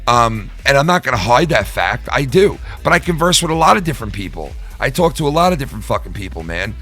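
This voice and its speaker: A man's voice: mid-range voice, very animated, fast, sharp tone, husky, faint music behind. A man hosting a live show in casual livestream talk, profane, rambling and emphatic.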